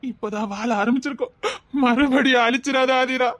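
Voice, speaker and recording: A woman's voice: sits high, steady tone, a little fast, no echo, natural voice. A woman playing a tearful, begging young woman. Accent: Tirunelveli Tamil. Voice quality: pleading, tearful. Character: young woman desperately begging her friend to live.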